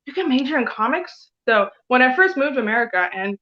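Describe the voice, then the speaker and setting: A woman's voice: high-pitched, expressive, fairly quick, highs cut off. A woman in her thirties from Taiwan, a comic artist guest, chatting casually and rambling with lots of "like" and "you know". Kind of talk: casual interview chat.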